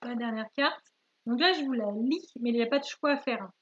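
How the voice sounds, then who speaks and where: A woman's voice: fairly high pitch, fairly bright tone, muffled recording. A woman co-hosting a live board-game stream, retelling the story casually with frequent hesitations. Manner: hesitant, many "euh" pauses. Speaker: co-host of a board-game channel.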